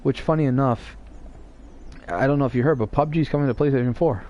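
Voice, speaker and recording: A man's voice: mid-range voice, brisk, a little mellow, muffled recording. A man streaming live, chatting casually and teasing his viewers in a rambling way.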